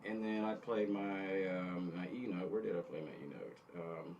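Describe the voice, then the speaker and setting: A middle-aged man giving an informal guitar lesson, thinking aloud haltingly and correcting himself as he goes, with an easygoing, self-deprecating way. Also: sits low, a little mellow, lo-fi sound, a little hiss or hum. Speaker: guitar instructor. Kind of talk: informal instructional demonstration with music theory. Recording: guitar playing behind the voice. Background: guitar notes being tapped.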